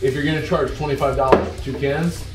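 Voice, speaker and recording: A man's voice: mid-range voice, steady tone, fast, roomy sound, far from the mic, loud music behind the voice, low-quality recording. Blunt, swearing man reviewing beer. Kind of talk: casual roundtable chat.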